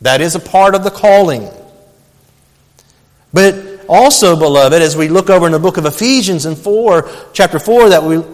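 A man's voice: high-pitched, normal speed, long reverb tail. A male pastor preaching a sermon, telling a personal story earnestly and calling his listeners beloved.

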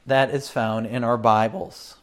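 Slow-speaking man teaching a catechism lesson. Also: mid-range voice, steady tone. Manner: unhurried, with frequent fillers and asides to listeners. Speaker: pastor.

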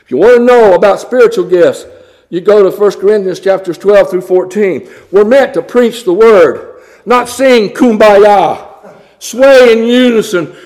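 A man with a notably high voice delivers a sermon. His preaching is blunt and scornful, and he reads scripture in old-fashioned wording. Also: darkish tone.

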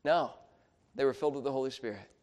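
A middle-aged man preaching a sermon in a conversational, storytelling way, with halting restarts and a voice that drops quiet when he turns confessional. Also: medium pitch. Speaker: pastor.

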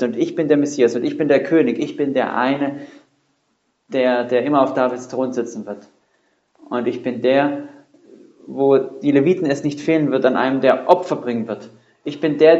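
A man's voice: medium pitch, a little mellow, close to an everyday voice. Man acting out a male king proclaiming his own coming, emphatic and repetitive; roomy lo-fi take. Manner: emphatic, repeating declarations. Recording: roomy, dull lo-fi sound.

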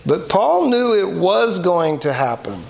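Slow, gravelly pastor preaching. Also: male voice, high voice, big pitch swings, a little mellow. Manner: conversational preaching with rhetorical questions; reads scripture aloud between comments. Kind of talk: sermon.

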